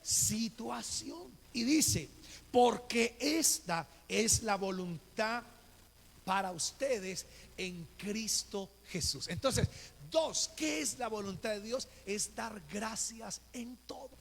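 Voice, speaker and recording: A man's voice: high voice, animated, slow pace, creaky, breathy edge. A Colombian man preaching a sermon as pastor, telling a personal story and acting out the dialogue. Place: church. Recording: reverberant church hall with faint noise.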